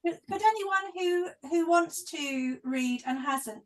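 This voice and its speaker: A woman moderating an online workshop, brisk and coaxing with the participants. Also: very high-pitched, poor audio. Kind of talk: casual chat. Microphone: video call.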